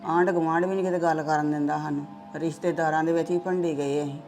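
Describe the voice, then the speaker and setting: A woman's voice: low voice, fairly even intonation, fast talker, darkish tone, soft background music, natural voice. A woman playing a stern, reproachful middle-aged mother. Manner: lecturing, reproachful. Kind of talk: family drama acting.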